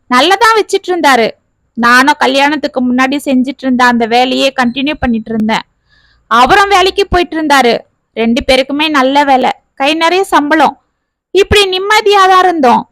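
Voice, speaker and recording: A woman's voice: sits high, a bit bright, dry recording, low-quality recording. A woman voicing a hurt young wife.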